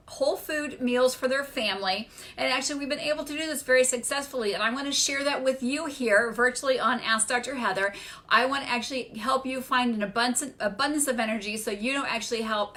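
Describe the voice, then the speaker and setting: Bright-voiced upbeat woman host. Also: a little high. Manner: upbeat, chatty, stumbles while reading comments. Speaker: wellness clinic doctor hosting live stream. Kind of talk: casual live-stream talk to viewers. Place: at home.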